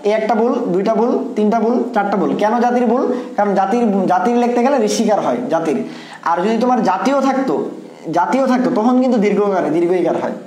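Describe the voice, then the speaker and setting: Quick, high-voiced man tutoring. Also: lively intonation, a little mellow, reverberant, slight background noise. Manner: quick, repeats points and keeps checking in with students. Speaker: admission test tutor. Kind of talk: exam answer walkthrough.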